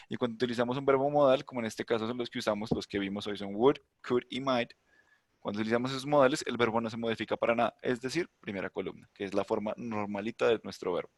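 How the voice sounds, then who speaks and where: A man's voice: medium pitch, no echo. Chatty male online English teacher. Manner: chatty, explains with asides and rhetorical questions. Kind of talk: online class explanation. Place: online virtual class.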